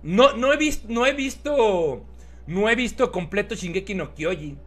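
A man's voice: high-pitched, expressive, measured pace, soft background music. A Mexican man reading out viewer comments in casual, playful, slangy commentary, laughing often.

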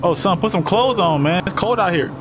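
A young man who hosts videos and games plays with friends, his high, animated voice moving briskly over some background noise. The banter is casual and playful, full of slangy, swearing reactions.

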